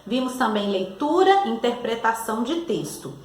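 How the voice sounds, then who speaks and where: A Brazilian woman teaching third graders in a recorded class, drawing out each word in a slow, sing-song teacher voice. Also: fairly high pitch, big pitch swings. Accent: Brazilian Portuguese. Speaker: primary school teacher. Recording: echoey room with faint noise.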